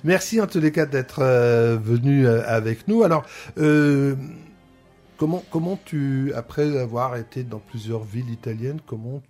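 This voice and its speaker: A man hosts an interview in a chatty, friendly way, full of fillers and hesitations, like a radio interview chat. His voice sits in the mid-range, a little mellow, at a measured pace, with faint music in the background.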